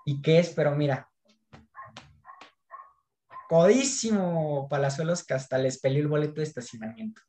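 A man's voice: fairly high pitch, lively intonation, mellow. Slangy Mexican man gossiping. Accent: Mexican Spanish. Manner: slangy, gossipy, quick retelling. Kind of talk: casual chat.

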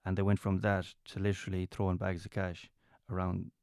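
A man's voice: deep voice, completely flat delivery, creaky, a little mellow, clear, resonant tone, no echo, clean studio sound. A man from County Mayo with a west of Ireland accent, telling stories casually as an interview guest and often restarting his phrases. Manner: halting, repeats words and restarts phrases often. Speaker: interview guest, comedian and entertainer. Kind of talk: casual conversational storytelling.

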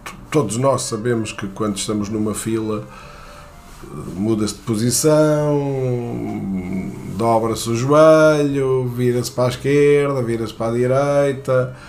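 A Portuguese man with a European Portuguese accent tells a personal anecdote, halting often with fillers and restarts. His voice is mid-range.

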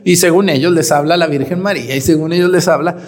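A man's voice: on the high side, fast talker. A priest preaching a Sunday sermon, scolding and teasing his congregation, acting out sarcastic quotes. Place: church. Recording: long church reverb.

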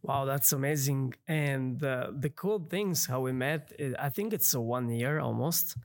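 A man's voice: medium pitch, unhurried. A man hosting a podcast, upbeat and eager, with non-native grammar in his casual interview chat. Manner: non-native phrasing, enthusiastic. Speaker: podcast host.

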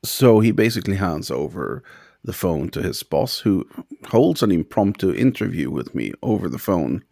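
A man's voice: low voice, very animated, normal speed, gravelly, mellow, no room sound, clean studio sound. A young man casually telling a personal story as a guest, rambling and hesitant with many fillers.

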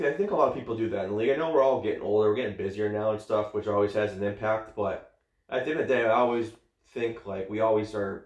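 Blunt, profane man in an echoey room. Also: on the low side. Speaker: podcast co-host answering questions. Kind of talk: casual chat.

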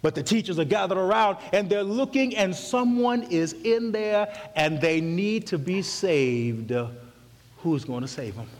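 A male pastor preaching a sermon, telling a story with passion and swinging from loud cries to hushed words. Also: sits high, animated, measured pace, in a large hall.

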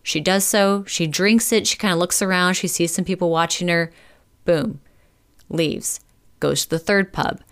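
Brief: woman storyteller, low-pitched, casual and chatty, filler-heavy delivery. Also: steady tone, a little slow, clean tone. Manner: chatty, lots of "like" fillers, occasional swearing. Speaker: podcast storyteller.

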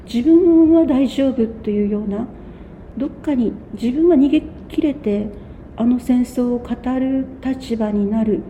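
A woman in her sixties answering interview questions in a measured, thoughtful way, often pausing mid-phrase. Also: fairly high pitch, dark tone, a little hiss or hum. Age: 60s. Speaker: guest.

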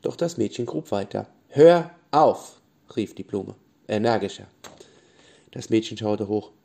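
A man gently reading bedtime stories for children, with small restarts now and then. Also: lowish voice, moderate pace, vocal fry, husky. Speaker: storyteller.

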